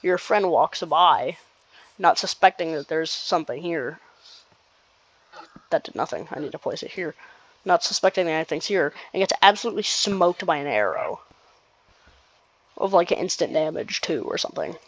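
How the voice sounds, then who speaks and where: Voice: mid-range voice, expressive, normal speed, pauses often, muffled recording. A gamer giving casual gameplay commentary, rambling and restarting sentences with nervous laughs.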